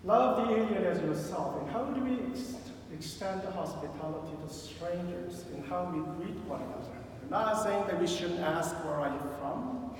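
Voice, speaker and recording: A man's voice: on the high side, expressive, moderate pace, slight background noise. A middle-aged man with a Korean accent preaching a sermon in a conversational, storytelling way with wry humor and frequent fillers. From South Korea. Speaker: pastor. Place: large church sanctuary. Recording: distant, echoey church hall.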